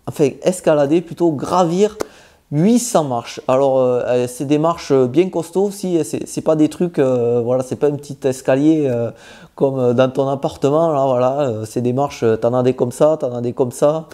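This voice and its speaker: Speaking at a normal speed with a medium-pitched, dark voice, a man with a southwestern French accent, from that region, offers informal travel advice directly to the viewer. This travel vlogger pauses and hesitates frequently.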